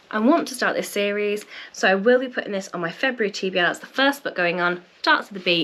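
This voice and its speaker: A woman's voice: mid-range voice, fairly bright tone, slight background noise. A woman chatting casually to camera as a book vlogger, her voice a little nasal and congested from a cold, friendly and thinking aloud. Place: home room with bookshelves.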